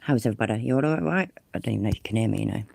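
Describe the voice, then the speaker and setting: Congested with a cold, a woman hosts a casual livestream on her phone, chatting, swearing freely and poking fun at herself. Her very deep voice is expressive and racing, creaky, a little mellow and slightly rough.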